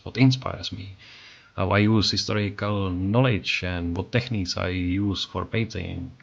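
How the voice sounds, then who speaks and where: A Czech-accented man, Czech by first language, reads a scripted voice-over in a low voice with some vocal fry. As an artist and channel creator, he sounds earnest, reflective and self-critical, and the recording is muffled.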